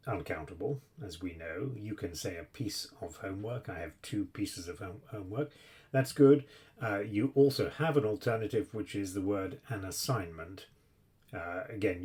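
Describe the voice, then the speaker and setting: Husky low-voiced male teacher. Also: darkish tone, low-quality recording. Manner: clear, patient explanations with frequent ums. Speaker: English teacher. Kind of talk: explaining vocabulary lesson.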